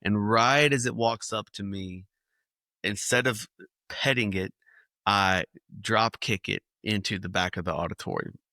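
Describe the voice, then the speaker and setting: A man, a children's ministry speaker, telling lively illustrative stories in a podcast interview. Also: on the low side, a little slow, dry recording, clean studio sound. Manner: animated storyteller acting out scenes.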